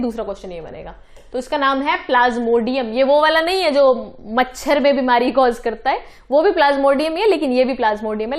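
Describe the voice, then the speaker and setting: Woman lecturer, high-pitched voice, brisk exam-prep teaching with quick self-corrections. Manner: mixes English terms into Hindi, quick self-corrections.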